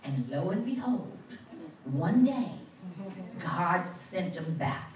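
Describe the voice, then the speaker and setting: A woman's voice: on the low side, lively intonation, slow, a crowd in the background. An older woman minister giving a heartfelt testimony at a church pulpit on a handheld mic, earnest and rising into fervent bursts. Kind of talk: testimony speech. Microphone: handheld mic, far camera. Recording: roomy church sound from far off.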